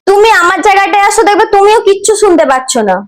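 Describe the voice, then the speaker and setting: A woman's voice: very high-pitched, expressive, racing, a crowd in the background. A woman playing a cheeky, insistent wife in a domestic comedy skit. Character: cheeky, crafty wife feigning deafness. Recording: noisy recording with clicks.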